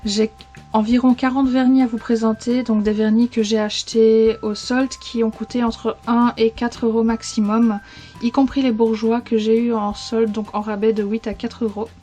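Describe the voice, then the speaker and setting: Belgian French woman, casual vlogger, slightly high, mellow voice, rambling chat with self-corrections, faint music underneath. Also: level tone, normal speed. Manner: chatty, rambling, frequent self-corrections and fillers. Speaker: beauty vlogger. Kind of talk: casual chatty video.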